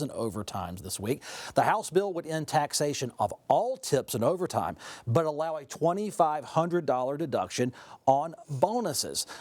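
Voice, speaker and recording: A man's voice: mid-range voice, a little mellow, dry recording. Man hosting a political panel. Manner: direct, posing pointed questions. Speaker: host.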